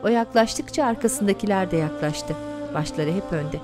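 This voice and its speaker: A woman's voice: medium pitch, normal speed. A woman giving scripted audio description narration of the action in a drama. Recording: drama music behind narration.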